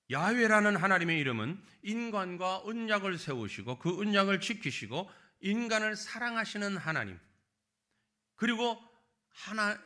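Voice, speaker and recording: Lively, bright-voiced male pastor preaching. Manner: lively preaching, rising into high pleading voices for people's complaints; drops low and quiet at the end of phrases. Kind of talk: Sunday sermon.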